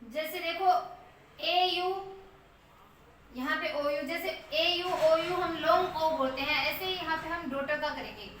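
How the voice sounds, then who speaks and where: A woman teaches English pronunciation with a high, bright voice, slowly drawing out each example word. She sits away from the mic in a strongly echoing room. Faint noise hums behind her. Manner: slow, drawn-out repetition of example words. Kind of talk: pronunciation lesson. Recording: echoey room, mic at a distance.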